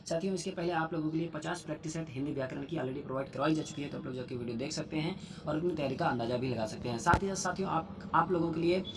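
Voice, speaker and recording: A man's voice: a little high, very fast, few pauses, background noise. A young man teaching an online exam-prep lesson. He reads out multiple-choice questions, then answers and explains them, and keeps addressing his students as friends. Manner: addresses students as "saathiyon" over and over.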